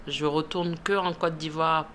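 In a radio interview, a woman in her thirties who manages a shop in Ivory Coast responds haltingly, often using fillers and laughing. She has a deep, fairly bright voice with fairly even intonation and an unhurried delivery, and a little hiss or hum is audible.

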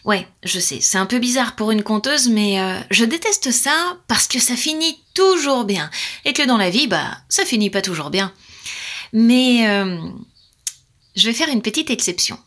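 A woman storyteller reading a fairy tale aloud, expressive and playful, with sound effects and hushed asides. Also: fairly high pitch, unhurried. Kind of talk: storytelling for children.

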